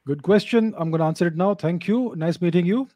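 A middle-aged man hosting a live video Q&A, talking into a close studio microphone in a home study. He explains in a measured way and repeats his key points. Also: high-pitched, warm tone, no room sound. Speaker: host answering live video call questions. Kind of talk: live video chat Q&A on geopolitics. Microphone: studio mic on a boom arm, close.

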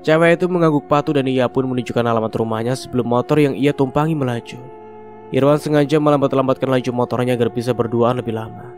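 A man narrating a scripted story in a steady, even storytelling manner. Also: mid-range voice, fast talker. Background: faint music.

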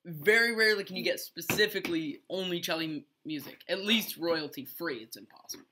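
A man's voice: fairly high pitch, a little fast, noisy background. A young man co-hosting a casual podcast with his mother, joking and rambling as he talks. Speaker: podcast co-host, son. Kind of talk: casual chat.

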